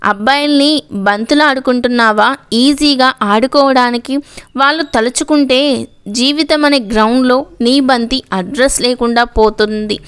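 Storybook voice of a furious hot-tempered father as a woman reads him, scolding, smooth clear voice. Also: sits high, a little slow. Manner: angry, shouting.

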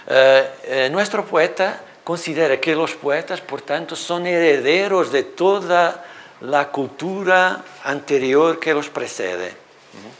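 A middle-aged literature professor with a Portuguese accent lectures in Spanish, his second language, at a university seminar in a hall, picked up on a lapel mic. His voice is a little high and unhurried, and he's animated, gesturing at projected slides and thinking aloud with many fillers.

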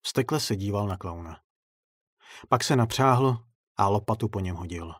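Husky low guy reading a dark story, steady pace, dry sound. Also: no echo. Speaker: narrator. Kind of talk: audiobook-style story narration.

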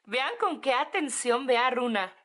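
A young Mexican woman with a Mexican accent, gushing excitedly in a casual home vlog from her apartment. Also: high voice. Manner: excitable, gushing, drawn-out words. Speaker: vlogger.

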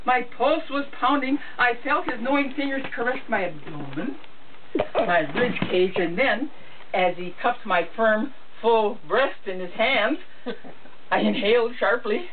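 A sweet old lady in her seventies reading a comic story aloud to family in a deliberate storytelling manner. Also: a little high. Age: 70s. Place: wood-panelled room in a home, indoors. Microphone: camera a few metres away. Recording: muffled phone-like sound, distant mic, noisy.

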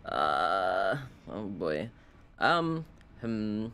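This game streamer's voice is low, sing-song, bright and forceful, and he draws out his words. He commentates casually on a live game with playful, chatty remarks to viewers, and video game audio plays as clear background noise.

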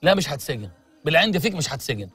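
Husky man, very fast and lively, exasperated egyptian bachelor, sitcom. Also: fairly high pitch, no echo, soft background music, heavily acted. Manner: exasperated, quick retorts. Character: exasperated young man seeking a bride. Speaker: lead actor in a comedy series.

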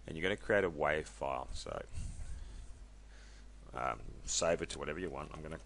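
A man casually walking viewers through a software tutorial, chatty and loose, with many ums and self-corrections. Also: a bass voice, moderate pace, gravelly, a little hiss or hum. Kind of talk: casual screen-recorded tutorial.

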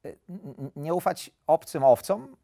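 A man voicing an excitable, easily distracted little hare in a storybook, with a squeaky, shrill voice. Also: slow pace, dry recording, clean studio sound, full character voice. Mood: eager. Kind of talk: audiobook character voice.

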